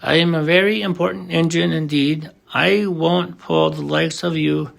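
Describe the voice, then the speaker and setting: A man's voice: fairly high pitch, steady tone, moderate pace, creaky, a bit bright. A man voicing a proud, haughty male freight engine from a storybook. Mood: snobbish.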